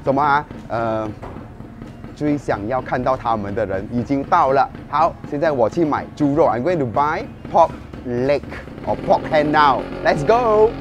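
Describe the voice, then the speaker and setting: Chatty man cooking at home. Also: mid-range voice. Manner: switches between English and Mandarin, chatty and excitable. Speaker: cooking show host. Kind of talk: casual cooking demonstration. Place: outdoor market, then home kitchen. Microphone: lapel mic.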